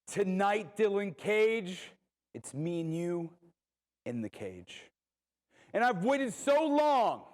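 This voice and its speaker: A man with a very high voice speaks slowly and intensely, threatening his opponent. His pitch moves a lot, so every line sounds like a warning. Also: big pitch swings. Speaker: professional wrestler. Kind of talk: wrestling promo.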